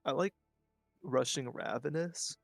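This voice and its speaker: Hesitant man with a gravelly, dry voice. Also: medium pitch, a little slow, dry recording. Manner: hesitant, starts with "um". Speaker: player being coached. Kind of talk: casual coaching call. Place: home at night.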